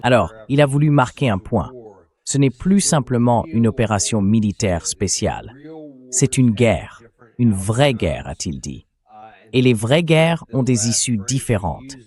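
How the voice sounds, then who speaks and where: A synthetic male voice hosts a political interview, delivering a translated dub as spoken commentary for a talk show. His pitch is medium and his tone darkish, and he sounds very animated while never hurrying.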